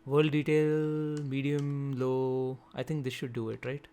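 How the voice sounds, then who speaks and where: A man hosting a gaming video, giving quick, chatty gameplay commentary and thinking aloud as he goes through the settings. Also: mid-range voice, flat delivery, mellow, a little hiss or hum. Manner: quick talker.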